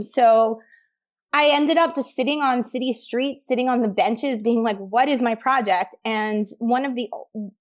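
A young woman researcher answering interview questions in a reflective way, with some fillers. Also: fairly high pitch.

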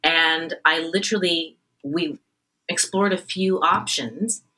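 This is a stage actress speaking in an interview, with a bright, forceful edge on a slightly low voice. She tells her stories in an animated, chatty way. She keeps restarting her sentences as she goes. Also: takes it slowly, low-quality recording. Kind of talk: anecdotal interview storytelling.

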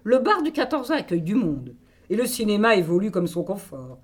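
A woman's voice: medium pitch, very animated, brisk, husky. Woman narrating over music. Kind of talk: scripted dramatic radio narration.

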